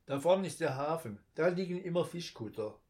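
A man's voice: on the high side, animated, moderate pace, darkish tone, voice pushed up, natural voice. A man reading a storybook and voicing a grumbling young boy who complains a lot. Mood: worried. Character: grumpy young boy, older brother.

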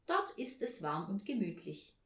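A woman voicing an eager, imaginative little girl who talks in a dreamy, excited way, in a read-aloud story. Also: medium pitch, a little slow, echoey room.

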